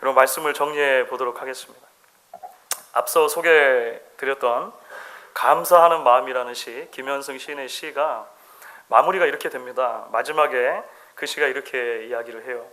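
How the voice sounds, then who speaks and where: A middle-aged male pastor giving a sermon in a church, telling everyday stories and acting out quoted lines with slow, drawn-out emphasis. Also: medium pitch, bright, forceful tone. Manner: storytelling, quotes voices with dramatic slow emphasis. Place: church sanctuary.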